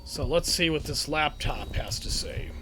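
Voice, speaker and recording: A man's voice: on the high side, unhurried, noisy background. A man giving casual, chatty let's-play commentary as he plays through a shooter game, often chuckling at it. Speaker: gaming channel host.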